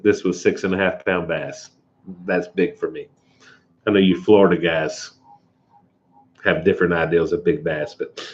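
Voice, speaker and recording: A middle-aged Kentucky man with a deep voice and a Kentucky accent hosts a casual live stream, rambling easily and chuckling as he answers chat comments. The highs in the audio are cut off.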